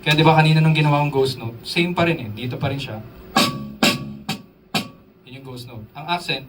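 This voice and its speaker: A man's voice: a little high, moderate pace, loud music behind the voice. Man, drum workshop instructor, casual and questioning, distant mic, drums in the background. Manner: casual, asks the audience questions, code-switches with English terms. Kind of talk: live drum workshop talk.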